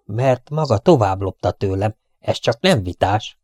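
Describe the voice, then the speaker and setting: A man voicing a whiny, tearful male gangster in a storybook reading, with a high, whimpering voice. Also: animated, a little mellow, dry recording, clean studio sound. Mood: whining, indignant.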